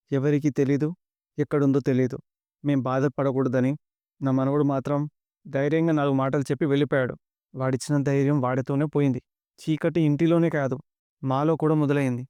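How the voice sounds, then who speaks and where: A man voicing a weary, heartbroken elderly grandfather in a rapid, dry retelling of a serial episode. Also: medium pitch, warm tone, clear, resonant tone, dry recording, natural voice. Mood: despairing.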